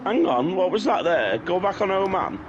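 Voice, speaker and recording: A man's voice: sits high, very animated, normal speed. A British man co-hosting a race stream, chatting casually, joking and laughing often, repeating himself as he talks. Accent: British English. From Britain. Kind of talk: casual banter over race commentary. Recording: dull lo-fi sound with clear noise.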